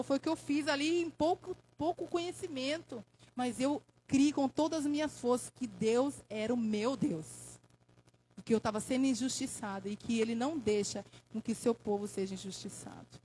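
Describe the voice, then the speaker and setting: Brazilian woman preaching her testimony in church, high voice, fervent, calls out amém a lot. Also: normal speed, a little mellow, a little hiss or hum, rough recording. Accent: Brazilian Portuguese. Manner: impassioned, preaching with call-and-response "amém". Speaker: church speaker giving testimony. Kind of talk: emotional testimony and exhortation.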